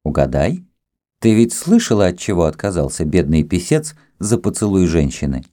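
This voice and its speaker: A proud young crown prince musing in a low, intimate voice, as a male reader plays him. The tone is deep, warm and mellow, with a close, dry sound fit for an audiobook. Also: very animated, moderate pace, dry recording. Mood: brooding.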